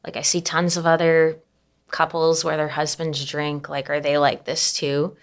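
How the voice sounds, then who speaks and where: A young adult woman speaking as an interview guest, soft-spoken and reflective, with many fillers and nervous little laughs. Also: low-pitched, flat delivery, moderate pace. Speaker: anonymous guest. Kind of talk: candid personal interview.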